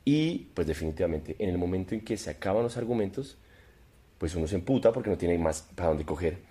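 A man's voice: low-pitched, lively intonation, fast talker, dark tone, breathy edge. A man, a podcast guest chatting casually in a joking, rambling, provocative way. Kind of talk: casual chat.

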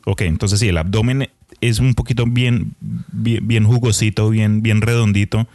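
A man's voice: lowish voice, fairly even intonation, moderate pace, darkish tone, no room sound. A man, a podcast co-host telling stories in a casual, joking way. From Colombia. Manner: joking, storytelling with light asides. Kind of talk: casual chat.

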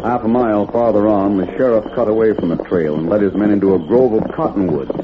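A man's voice: on the low side, quick pace, loud music behind the voice. An American man narrating a western in dramatic, scripted 1940s radio announcer style. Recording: muffled old radio recording, loud crowd din.

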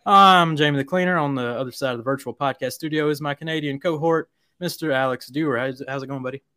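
A man hosting a weekly podcast with relaxed, easygoing banter. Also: fairly high pitch, fast, clean tone, no room sound, clean studio sound. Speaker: podcast host.

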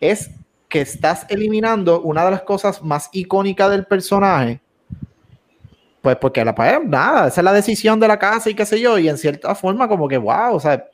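A co-host on a gaming podcast chats casually in a high-pitched, expressive voice at a moderate pace. He rambles, often restarts his sentences, and mixes in English words Spanglish-style.

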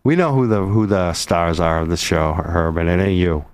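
Joking lower-voiced male radio host. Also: no room sound. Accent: Boston. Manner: joking and teasing, fast and animated. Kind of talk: casual radio talk show chat.

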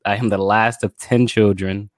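A man from Florida speaks with a lowish voice in a dry, close recording. He talks as a guest in a relaxed, reflective way, often pausing on fillers. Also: dry recording. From Florida, USA. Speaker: podcast guest, filmmaker and brand strategist. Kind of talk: casual interview conversation.

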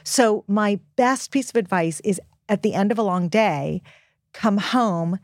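Speaking a little slowly in a mid-range voice, this woman appears as an expert podcast guest, an author and health specialist. Her advice to young listeners is frank, informal and emphatic, captured in clean studio sound with no echo.

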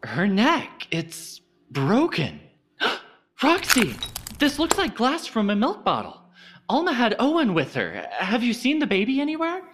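An actor playing a shaken man who finds a body, halting in his speech. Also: mid-range voice, huge pitch swings, a bit bright, a little hiss or hum.

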